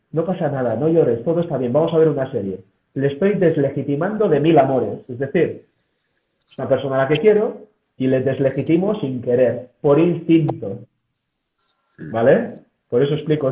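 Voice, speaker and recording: A male psychologist, explaining his ideas in an interview and often checking in with his listeners. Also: medium pitch. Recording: echoey, phone-like audio.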